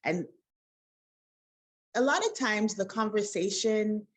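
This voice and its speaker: A woman's voice: mid-range voice, takes it slowly. A woman hosting a podcast interview, speaking in an effusive, conversational way and laughing often. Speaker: podcast host.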